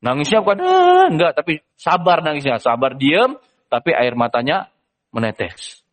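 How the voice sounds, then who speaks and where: A man teaching a religious lesson as a story, animated, asking rhetorical questions and filling with "ya". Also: on the high side, normal speed, long reverb tail.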